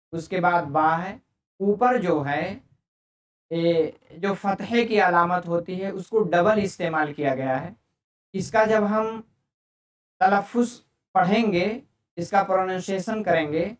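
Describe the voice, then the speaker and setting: A man's voice: high voice, recorded from a distance. A man teaching an online grammar lesson, explaining patiently and repeating each term in several languages. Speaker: Arabic teacher. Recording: echoey room, speaker away from mic.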